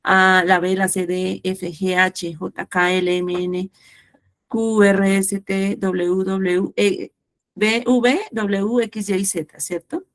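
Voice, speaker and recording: A woman's voice: medium pitch, level tone, takes it slowly. A woman teaching a virtual language class over a video call. She explains patiently, wrapping her lesson in a storybook tale with lots of examples. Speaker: Spanish teacher.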